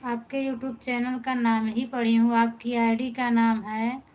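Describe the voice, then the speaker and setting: A woman's voice: on the high side, little pitch movement, unhurried, darkish tone, low-quality recording. A woman from of that region, hosting a live stream and patiently greeting viewers by name while answering their comments. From Pratapgarh, Uttar Pradesh, India. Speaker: live-stream host and folk singer. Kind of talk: casual live-stream chat, reading viewer comments aloud.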